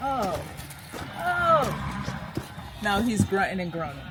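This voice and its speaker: A young woman talks to her camera in a relaxed, rambling way. She chats at a middling pitch, cutting herself off and circling back as she thinks aloud. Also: slow pace, loud music behind the voice. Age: young adult. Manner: chatty, rambling, self-interrupting. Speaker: vlogger. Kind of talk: casual vlog chat. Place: home bedroom, indoors.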